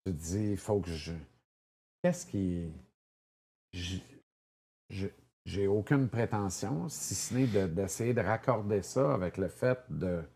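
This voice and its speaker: A man's voice: lowish voice, a little mellow, slight background noise. A man with a Québécois French accent hosting a casual interview, teasing his guest and asking probing questions. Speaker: host.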